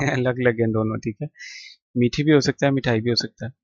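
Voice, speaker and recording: A male teacher, explaining a textbook poem in a patient classroom style, repeating words slowly and listing synonyms one at a time. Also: medium pitch, steady tone, no echo, lo-fi sound. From Pakistan.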